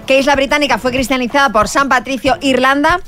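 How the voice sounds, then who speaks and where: A woman's voice: sits high, quick pace, fairly bright tone, faint music behind. A woman from Galicia co-hosting a morning radio show, recapping quiz answers plainly. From Galicia, Spain. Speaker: radio co-host. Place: radio studio.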